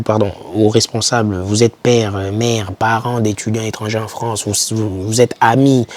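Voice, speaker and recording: On the low side and a little mellow, this young man's voice delivers casual pep-talk advice to camera for foreign students. As a YouTuber, he speaks with emphasis and keeps repeating key words to encourage viewers.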